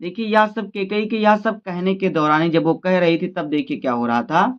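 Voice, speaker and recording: A male teacher explaining a Hindi literature lesson, reciting verses slowly and then explaining them in quick asides. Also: sits high, smooth, dull audio.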